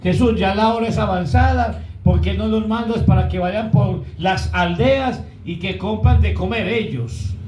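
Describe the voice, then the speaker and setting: A man's voice: high voice, a little slow, hardly any pauses, a little mellow, reverberant, a little hiss or hum, low-quality recording. A man preaching a sermon as pastor, often asking the congregation to fill in words.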